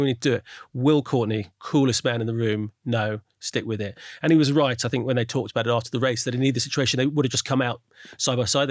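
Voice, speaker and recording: A man's voice: mid-range voice, no room sound, clean studio sound. A man hosting a casual podcast chat, telling a story in a chatty way with frequent restarts. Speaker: podcast host.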